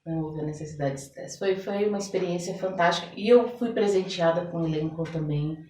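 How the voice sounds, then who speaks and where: Speaking a little fast at a fairly low pitch, the Brazilian guest, who works as a therapist and theater director, shares her experiences expressively. She frequently seeks agreement with tag questions. The recording has room echo and a faraway microphone.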